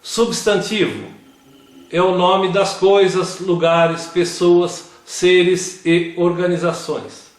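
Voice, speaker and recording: Man, grammar lesson, slow deliberate reading, word lists, very echoey room. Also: sits high, flat delivery. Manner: reads word lists one by one. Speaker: grammar teacher.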